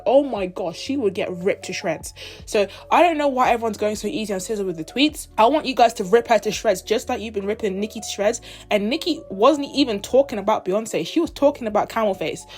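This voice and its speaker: A woman's voice: mid-range voice, darkish tone. A 21-year-old woman from the United Kingdom and Zimbabwe, ranting casually in an opinion vlog. She talks in an emphatic, indignant way and mimics other people in quoted asides. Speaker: vlogger.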